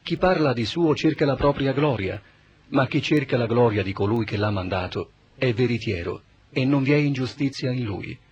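A man playing Jesus as a calm, solemn teacher in a dramatized Bible reading, speaking in a measured, grave way. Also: medium pitch, slightly rough, lo-fi sound.

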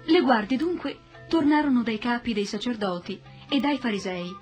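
A woman narrating a Bible passage in a steady, solemn storytelling manner. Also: fairly high pitch, moderate pace, faint music behind.

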